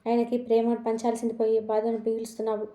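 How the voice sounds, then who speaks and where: Inner voice figure, pushy and scolding, very flat dark delivery, a woman reading it out. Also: a little high, quick pace, roomy sound, close to an everyday voice. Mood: insistent. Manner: insistent, scolding. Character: young woman's inner self, pushing her toward love.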